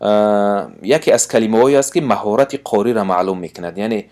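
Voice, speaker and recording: A man with a Tajik accent teaching Quranic recitation rules, reciting verses in a slow drawn-out voice and then explaining them in quick, plain talk. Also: on the low side, a little mellow. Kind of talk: tajwid lesson with recited examples.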